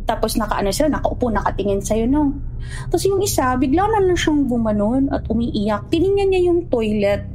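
Animated high-voiced woman from the Philippines. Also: normal speed, slight background noise, poor audio. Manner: animated, acts out what the children said. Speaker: guest telling a true horror story. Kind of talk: casual storytelling, mixing Tagalog and English.

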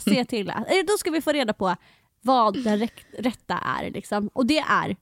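A young woman from Halmstad with a Halland Swedish accent, co-hosting a casual chat podcast, animated and often laughing. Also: on the high side, dry recording. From Halmstad, Sweden. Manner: animated, laughing, mimics pronunciations. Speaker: podcast co-host.

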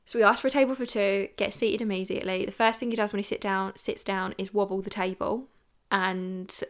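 A young woman from England hosting a podcast, telling a story in a chatty, animated way with lots of "like". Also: mid-range voice, a little fast. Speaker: podcast host. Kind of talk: casual storytelling. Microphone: podcast mic.

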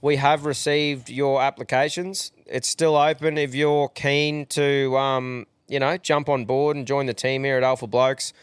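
Male podcast host, broad Aussie accent, slangy and easygoing, smooth clear voice recorded close and dry. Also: medium pitch, flat delivery, a little slow, hardly any pauses, no echo. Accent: broad Australian. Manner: laid-back, slangy, sweary mateship talk. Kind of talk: casual chat with updates.

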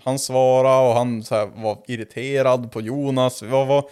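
A man's voice: mid-range voice, flat delivery, darkish tone, clear, resonant tone. A young man in his twenties telling a rambling party story in casual chat, acting out quotes and laughing as he goes.

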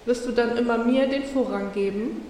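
A woman voicing a wise, solemn female sea serpent spirit who speaks in a measured, ceremonious way. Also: fairly high pitch, mellow, heavy reverb, big-room sound, recorded from a distance, a little hiss or hum, lightly acted.

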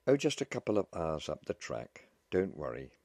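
A man voicing a kindly older military officer who speaks briskly and reassuringly. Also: a bass voice, huge pitch swings, no room sound, heavily acted. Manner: brisk at first, then gentle and reassuring.

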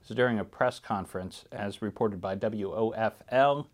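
A man's voice: lowish voice, normal speed. A man hosting a true crime podcast, giving informal, conversational commentary on the news.

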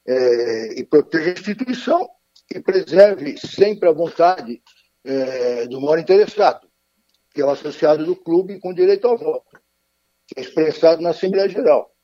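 A man's voice: on the high side, animated, moderate pace, dark tone, no room sound. Man on a choppy, glitchy phone line. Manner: formal, hesitant with frequent fillers. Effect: choppy, breaking-up phone line. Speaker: interviewed guest by phone. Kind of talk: radio phone interview. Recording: muffled dry phone call.

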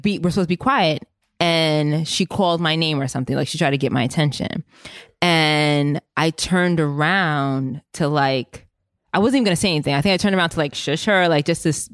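Low-voiced woman telling a story. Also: no echo, studio quality. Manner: rambling, many "like" fillers; animated and emotional when telling the story. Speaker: podcast host. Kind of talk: casual storytelling chat.

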